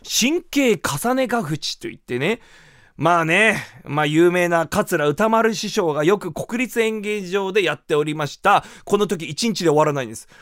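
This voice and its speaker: A man who is a rakugo performer hosting a radio show, telling comic stories in a lively way. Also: high-pitched, normal speed, dry recording, studio quality. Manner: lively, animated, acts out quotes. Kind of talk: comic storytelling talk.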